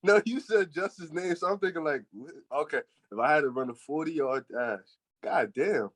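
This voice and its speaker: A man's voice: a little high, moderate pace, a bit bright. A man from New Jersey chatting casually as a podcast guest, with slangy, profane wording. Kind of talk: casual chat.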